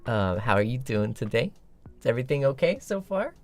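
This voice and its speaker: A man hosting a casual livestream, rambling playfully with a slightly rough morning voice. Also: medium pitch, very animated, fairly quick, a little mellow. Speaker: livestream host. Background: background music.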